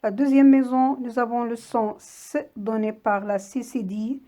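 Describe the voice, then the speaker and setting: A woman teaching young children a reading lesson, saying each word slowly and clearly and patiently breaking it into syllables. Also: fairly high pitch, mellow. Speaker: primary school teacher. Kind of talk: slow classroom lesson read-aloud.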